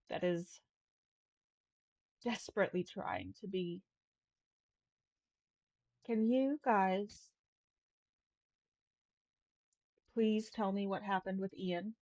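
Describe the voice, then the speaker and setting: A woman voicing a weary old woman with faint magical powers, speaking slowly and haltingly. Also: mid-range voice, dry recording, dull audio. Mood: troubled.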